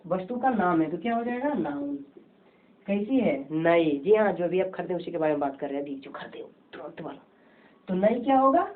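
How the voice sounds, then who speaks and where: Woman teacher quizzing herself, tinny audio. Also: medium pitch. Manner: asks questions and answers them herself; repetitive, drilling tone. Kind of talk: home-tuition grammar lesson.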